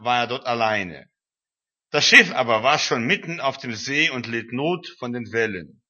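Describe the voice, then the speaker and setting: A man's voice: mid-range voice, pushed and bright. A man preaching a sermon, retelling a scripture passage in a conversational way with frequent fillers. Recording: dull, lo-fi recording.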